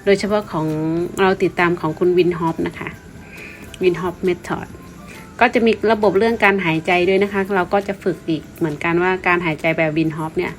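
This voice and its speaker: A woman's voice: on the low side, a little fast. Thai woman vlogging politely over music. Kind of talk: informal explanatory vlog narration.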